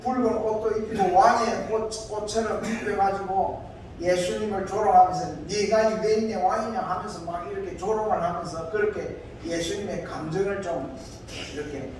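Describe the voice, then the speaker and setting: Male pastor, sermon storyteller, high-ish voice, very echoey room, distant mic. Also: a little hiss or hum. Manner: conversational storytelling with many filler pauses. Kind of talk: sermon retelling a scripture story. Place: church sanctuary.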